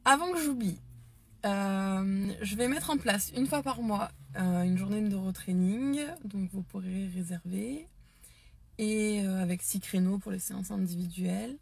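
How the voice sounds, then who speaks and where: A woman's voice: medium pitch, a little slow, creaky, a little mellow, slightly rough. A French-speaking woman hosting a casual live stream, enthusiastic but hesitant, with many fillers and restarts. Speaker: live stream host, dance and neurotraining teacher. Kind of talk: casual Facebook live talk.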